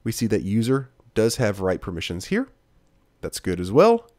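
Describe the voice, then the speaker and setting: A man narrating a software tutorial screencast as instructor, in a steady, plain-spoken, explanatory way. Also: lowish voice, normal speed, no echo, clean studio sound.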